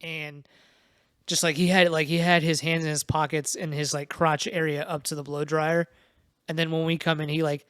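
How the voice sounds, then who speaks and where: A man's voice: a little high, moderate pace, clean tone, no room sound, clean studio sound. A man co-hosting a podcast, casually telling funny stories from the movie theater. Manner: storytelling, animated anecdotes. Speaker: podcast co-host. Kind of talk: casual chat.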